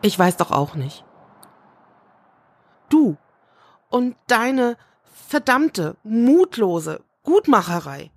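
A woman voicing a young female cook who is ironic and worn out, speaking slowly and hesitantly in an audiobook. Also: medium pitch, big pitch swings, husky, no echo, full character voice. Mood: despairing. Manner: slow and hesitant.

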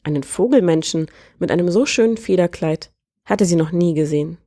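A woman reads a fairy tale aloud in a calm, measured manner. Her voice sits a little lower than most women's. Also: dry recording, studio quality. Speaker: storyteller. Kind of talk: scripted fairy-tale narration.

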